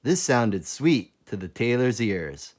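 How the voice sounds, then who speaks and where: Man, storybook reader, fairy tale read-aloud, expressive, animated intonation, slow pace. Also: mid-range voice.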